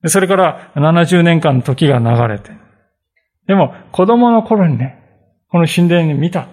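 A man's voice: a little high, animated, unhurried, darkish tone. A male pastor giving a conversational sermon, reading scripture and explaining it with frequent fillers and asides.

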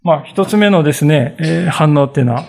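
A man's voice: fairly high pitch, lively intonation, quick pace, creaky. A male pastor giving a conversational sermon, reading scripture and explaining it with frequent fillers and asides.

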